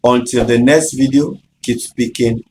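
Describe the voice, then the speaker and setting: A man teaching English grammar in a measured, explanatory way, speaking directly to viewers. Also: medium pitch, fairly even intonation, mellow, a little hiss or hum, poor audio. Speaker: English tutor. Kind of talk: scripted grammar lesson.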